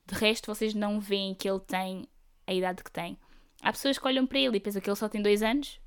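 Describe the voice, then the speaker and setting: A woman's voice: medium pitch, fairly even intonation, fast, clean tone. A young woman with a European Portuguese accent chatting casually as a solo podcast host, rambling through stories in slangy speech with English words mixed in.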